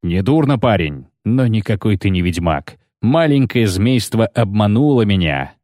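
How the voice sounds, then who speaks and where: A man's voice: fairly low pitch, lively intonation, moderate pace, a little mellow, dry recording, studio quality, lightly acted. A man voicing a menacing older bounty hunter who growls and sneers.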